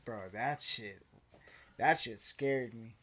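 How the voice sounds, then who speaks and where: A man's voice: medium pitch, takes it slowly, bright, forceful tone. A man chatting casually as a podcast co-host, slangy and swearing often, repeating phrases for emphasis. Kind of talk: casual chat.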